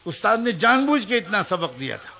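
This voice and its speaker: A man's voice: high-pitched, very animated, gravelly, sharp tone. A man preaching a storytelling sermon, earnest and emotive, turning to address his listeners directly.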